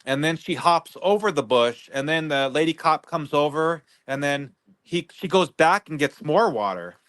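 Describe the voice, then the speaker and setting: A man guest on a livestream, talking in a rambling, halting way with many restarts. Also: fairly high pitch, animated, fairly bright tone. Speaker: guest neighbor. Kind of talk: casual livestream interview.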